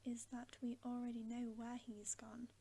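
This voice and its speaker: A woman's voice: fairly high pitch, monotone, normal speed, mellow, slightly rough. A woman voicing an earnest, cautious male talking beaver in an emphatic whisper for a storybook. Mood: urgent, stern.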